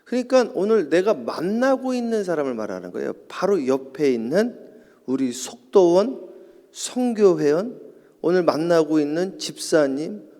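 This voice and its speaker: A man's voice: on the high side, very animated, normal speed. A middle-aged man preaching an early-morning sermon in a church, telling stories and building to emphatic points. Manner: storytelling, rising to loud emphatic preaching. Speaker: pastor. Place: church sanctuary. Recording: echoey church hall.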